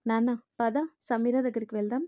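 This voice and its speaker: A woman's voice: fairly high pitch, flat delivery, fairly quick, mellow, dry recording, close to an everyday voice. A woman voicing a frightened, grieving young husband who speaks in an anxious, pleading way.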